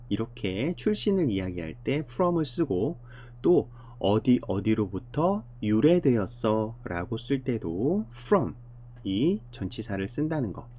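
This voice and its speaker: A man teaching an elementary English lesson, explaining patiently step by step and repeating phrases slowly. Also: mid-range voice, warm tone.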